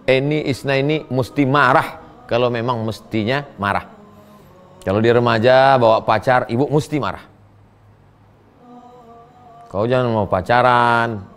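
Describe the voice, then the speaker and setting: A middle-aged man, a preacher answering listeners' questions in a humorous, animated sermon. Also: fairly low pitch. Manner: humorous, animated, acts out quoted voices; reads listeners' questions aloud, then answers.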